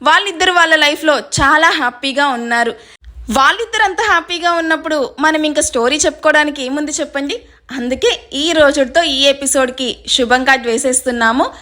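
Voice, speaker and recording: Woman narrator for a romance serial, high and bright, chatty. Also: brisk. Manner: chatty, friendly toward listeners. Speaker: storyteller.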